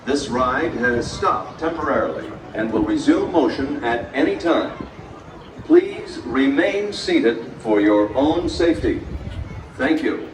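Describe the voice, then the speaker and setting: A man giving a calm, formal recorded safety announcement, heard through loudspeakers on a moving ride. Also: mid-range voice, slow pace, pauses often. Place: aboard a moving ride vehicle. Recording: echoey far-off ride speaker with vehicle noise.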